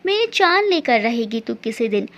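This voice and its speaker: A woman's voice: on the high side, sing-song, normal speed, pitched below the performer's own voice. A woman voicing a caring middle-aged mother who scolds her daughter fondly. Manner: fond scolding. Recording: dull lo-fi recording.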